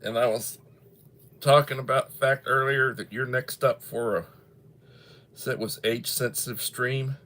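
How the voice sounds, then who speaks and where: Reading viewers' comments out loud on his livestream, a man in his early sixties rambles in a casual, folksy way. He speaks at a moderate pace with a medium-pitched, fairly bright voice and a steady tone.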